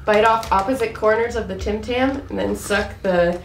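A woman's voice: mid-range voice, moderate pace, a little hiss or hum. Woman off camera reading fun facts, teasing, roomy echo. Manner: teasing, informative. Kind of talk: casual chat.

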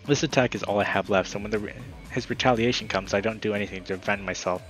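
A man with a fairly low voice reads a visual novel aloud, giving the narration a dramatic push. He breaks off now and then for a casual aside to his viewers. Soft music plays faintly behind him. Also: steady tone, fast talker, low-quality recording. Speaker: gaming YouTuber.

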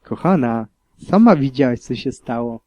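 A man's voice: medium pitch, lively intonation, moderate pace, no room sound, muffled recording, lightly acted. A man voicing a young mare pony, a desperate, protective sister who pleads urgently, in an audiobook reading. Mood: pleading.

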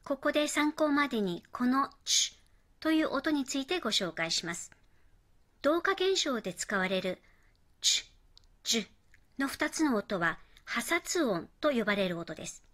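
A woman narrating a scripted pronunciation lesson, modelling English phrases slowly and carefully. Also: high-pitched, very animated, fairly bright tone.

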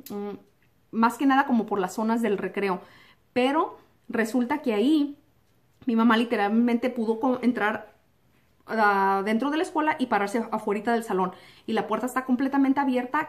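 Young woman vlogger, lively storytelling, voice sits a bit high, acts out the scenes. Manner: animated, acts out quotes and sound effects like "pum"; drops English words into Spanish. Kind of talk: personal storytelling to camera.

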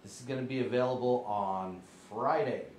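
A man's voice: mid-range voice, moderate pace, a little mellow. Chatty man hosting a shop stream, echoey. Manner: upbeat, chatty, with frequent ums and hype. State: has the hiccups. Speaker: host of a live shopping stream. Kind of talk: casual chat to viewers. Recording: roomy echo with faint ambient noise.

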